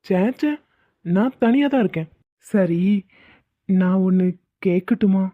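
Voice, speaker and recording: Fed-up teasing toon husband, woman doing the voice, mid pitch, tinny dry audio. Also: lively intonation, slow pace, dry recording. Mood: coaxing. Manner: teasing, pleading, exasperated. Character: exasperated young husband, teasing. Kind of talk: animated comedy dub. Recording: tinny phone-like sound.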